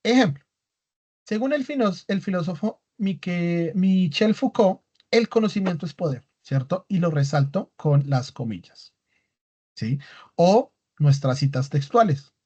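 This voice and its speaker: A man's voice: fairly high pitch, dark tone, slightly rough. Lecturing man with frequent check-in questions. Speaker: teacher. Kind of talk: recorded online class lecture. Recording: dull lo-fi class recording.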